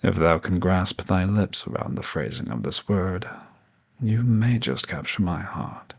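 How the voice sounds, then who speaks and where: A man playing a haughty, ancient dragon professor in an audio roleplay, speaking with pompous, condescending, ornate formality in a gravelly, husky voice. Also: low voice, animated, a little slow, heavily acted. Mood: haughty, coaxing. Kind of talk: scripted audio roleplay monologue addressed to the listener.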